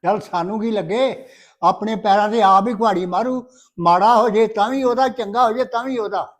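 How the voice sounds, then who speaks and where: A gruff older grandfather in a homemade family drama, tossing off curt, dismissive remarks, played by a man. His voice sits high for a man. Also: normal speed, natural voice. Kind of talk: amateur family web drama.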